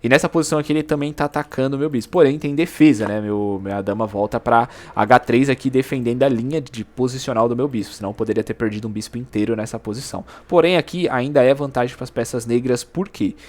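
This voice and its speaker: A man walks through a chess game move by move. He talks in a casual, slangy way and gets animated over mistakes and tactics. His pitch sits at a middle level for a man. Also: fast, few pauses. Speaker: chess YouTuber. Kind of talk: game analysis commentary.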